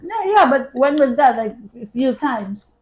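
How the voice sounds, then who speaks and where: Woman, slightly high voice, chatty mukbang co-host, laughs a lot, trails off quietly. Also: expressive, a little slow, highs cut off. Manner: chatty, laughs often, voice trails off softly at phrase ends. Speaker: wife and vlog co-host. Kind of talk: casual mukbang chat while eating.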